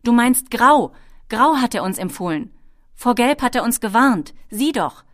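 A woman's voice: on the high side, lively intonation, quick pace, darkish tone, no echo, studio quality, voice pushed up, lightly acted. Woman playing an earnest worried boy. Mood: insistent.

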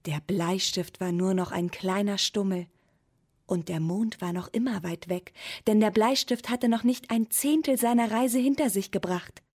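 A woman narrating a storybook tale in a calm, unhurried, expressive reading voice. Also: medium pitch, slightly rough.

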